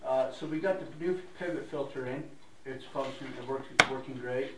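A man talks through a meeting report in a loose, rambling way, often restarting his sentences. He sounds far from the microphone in an echoey room, with steady background noise under his voice. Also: medium pitch, a little fast. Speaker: staff member reporting at a meeting.

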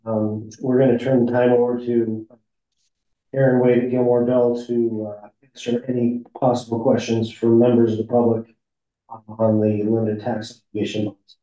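A man's voice: medium pitch, little pitch movement, mellow. Man chairing a meeting over a call line. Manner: measured, with frequent uh and um fillers. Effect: heard over a remote call line that breaks up. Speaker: district counsel chairing a board meeting. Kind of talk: formal procedural meeting chairing. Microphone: remote call audio. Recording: muffled echoey call audio.

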